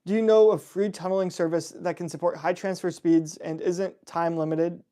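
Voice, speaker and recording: Relaxed chatty man with a mellow voice. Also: high-pitched, normal speed. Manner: relaxed, chatty, laughs often, frequent "like" and "um". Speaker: host answering viewer chat. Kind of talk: casual livestream Q&A.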